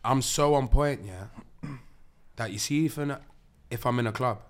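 A man in his twenties with a London roadman accent, telling stories in animated, slang-heavy casual podcast chat. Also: medium pitch, measured pace. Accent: London, urban street (roadman) style.

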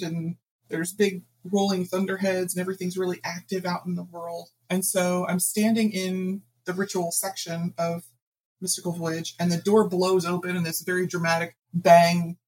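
A woman guest author telling anecdotes in a casual interview, animated and laughing often. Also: lowish voice, low-quality recording.

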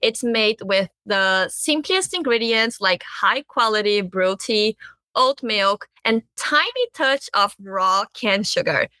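A woman's voice: mid-range voice, lively intonation, slow pace, pushed and bright, no room sound. A woman co-presenting a live awards ceremony in an informal, enthusiastic way.

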